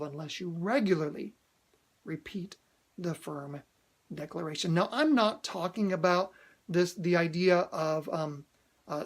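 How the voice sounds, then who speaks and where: A man hosting a motivational video, talking earnestly to camera, repeating key phrases for emphasis and restarting often with fillers. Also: sits high. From United States. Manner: hesitant restarts with frequent uhs.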